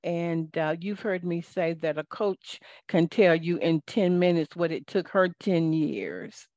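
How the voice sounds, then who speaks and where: Slow-talking Southern woman coach. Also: on the low side, lively intonation, darkish tone, no room sound. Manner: folksy, preachy, talks slowly. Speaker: life coach and host. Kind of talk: live call-in coaching talk. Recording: dull lo-fi audio, dry.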